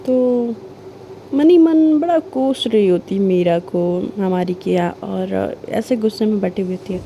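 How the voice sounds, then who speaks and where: Casting: unhurried woman narrator, very dark mellow tone, chatty recap with voiced dialogue, faint hiss behind. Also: medium pitch. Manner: chatty, retells scenes with quoted dialogue, sings snatches of film songs. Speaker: storyteller recapping a serial love story. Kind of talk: casual spoken storytelling.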